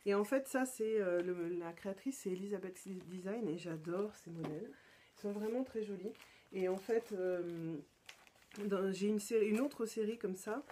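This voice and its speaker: A woman from France hosting her own podcast, chatting casually and hesitantly, with many fillers and restarts and soft whispered asides. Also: medium pitch, normal speed, a little hiss or hum. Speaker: podcast host. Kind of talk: casual show-and-tell chat.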